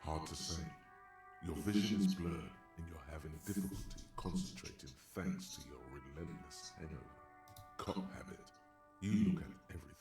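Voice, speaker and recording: A male streamer reading game text aloud with commentary, slow and deliberate, sometimes dropping to a whisper. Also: extremely low pitch, vocal fry, darkish tone, roomy sound, faint music behind.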